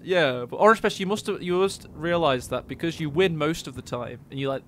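A man's voice: on the high side, brisk. A man hosting and casting, teasing a player in casual chat and laughing often. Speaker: caster and host.

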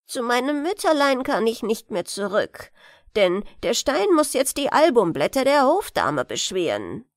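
A woman's voice: a little high, sing-song, a little slow, no echo, clean studio sound. A woman reading a sad, dying little male beetle who was once a star, in a lamenting, pleading tone. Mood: mournful.

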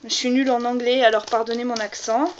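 A woman's voice: fairly high pitch, little pitch movement, fairly quick, lo-fi sound, a little hiss or hum. A woman author chatting casually on her video channel as she unboxes her book, filling her talk with "voilà" and hesitations. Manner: chatty, many fillers like "voilà" and "euh". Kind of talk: casual vlog chat.

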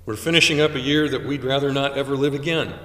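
A man's voice: mid-range voice, steady tone, a bit bright. Older man preaching in an echoey chapel. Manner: measured preaching with dramatic pauses. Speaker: chaplain. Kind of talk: sermon. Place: small chapel, indoors. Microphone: stand mic at pulpit, far camera. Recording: roomy chapel echo from far off.

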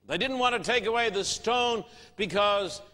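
Bright high-voiced man preaching emphatically. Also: moderate pace. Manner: emphatic, rhetorical questions. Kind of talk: sermon. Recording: long hall reverb.

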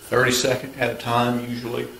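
A man in his thirties gives a step-by-step woodworking tutorial in a gravelly, slightly bright mid-range voice, a little fast and completely flat. He's practical and instructive without fuss, recorded at a distance in an echoey garage workshop with tools making noise.

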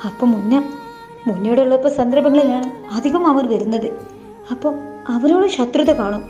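A woman reading a novel aloud in the first person, voicing every part herself in a plain, unhurried way. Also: high voice, animated, warm tone. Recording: dull lo-fi voice with faint music.

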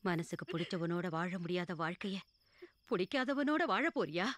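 A woman's voice: fairly low pitch, animated, moderate pace, no echo. An actress playing an elderly grandmother who urges and protects her granddaughter in a film. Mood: urging, protective. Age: older. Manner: urging, tender yet commanding. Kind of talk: film dialogue. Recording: film soundtrack with loud music.

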